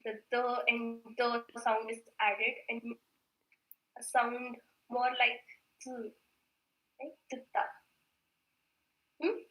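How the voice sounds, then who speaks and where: Slow-speaking woman teacher, echoey room. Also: on the high side, completely flat delivery, fairly bright tone. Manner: patient, repeats words slowly, mixes in Hindi; clears throat often. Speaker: Korean language teacher. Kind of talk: online grammar class.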